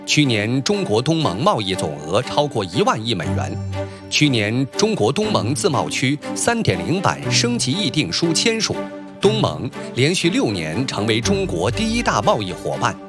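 A man's voice: mid-range voice, wildly swooping pitch, moderate pace. A man reading formal scripted news narration in declarative phrases. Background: clear music bed.

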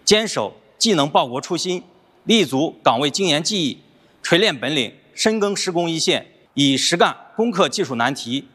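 Husky, higher-pitched man giving a statement. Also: expressive, moderate pace, fairly bright tone. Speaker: award-winning skilled construction worker interviewee. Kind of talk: prepared formal statement.

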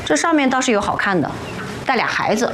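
An actress playing a pushy, chatty middle-aged matchmaker with a Northeastern Chinese accent in a naturalistic TV drama. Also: female voice, on the high side, very animated, fast talker, background noise. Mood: coaxing, chatty. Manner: chatty, coaxing. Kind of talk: naturalistic television drama acting.

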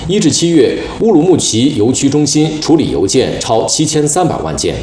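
A man speaks as a formal news anchor in standard mainland Mandarin, with an animated pitch range. His scripted delivery is set in a studio that sounds roomy, with faint background noise. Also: normal speed.

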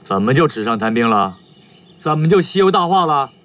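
A man's voice: mid-range voice, very animated, a little fast, fairly bright tone. An actor playing a stubborn battalion commander in a war drama, blunt and defiant in his talk. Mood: indignant. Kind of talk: television period war drama. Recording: distant mic, faint music behind.

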